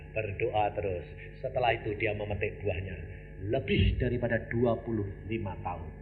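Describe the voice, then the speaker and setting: An older man from Indonesia preaching a storytelling sermon, with dramatic swings between loud, high outbursts and quiet, low asides. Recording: slightly dull, faint background noise.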